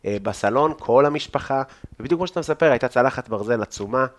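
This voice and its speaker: A man's voice: medium pitch, lively intonation. A man with an Israeli accent, a podcast host, chatting and telling anecdotes in an informal, slangy way. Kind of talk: casual chat, anecdotal storytelling.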